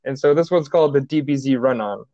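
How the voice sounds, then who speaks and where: A man with a mid-range voice co-hosts a podcast, talking fast and rambling through stories packed with fillers in a casual chat. The recording sounds dry and dull.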